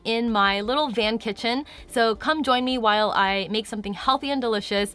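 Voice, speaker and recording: Woman in her thirties, slightly congested, candid casual vlog talk, fairly high voice. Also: fairly quick, a bit bright. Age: 30s. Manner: candid, confiding. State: congested from a cold. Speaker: vlogger. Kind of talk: casual to-camera chat.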